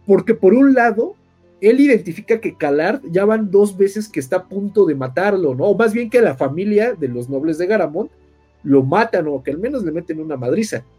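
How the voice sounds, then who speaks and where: High-voiced Mexican man telling a slangy story. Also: lively intonation, normal speed, mellow, husky, soft background music. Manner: slangy, swearing, conversational. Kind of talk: casual, animated story recap with acted-out dialogue.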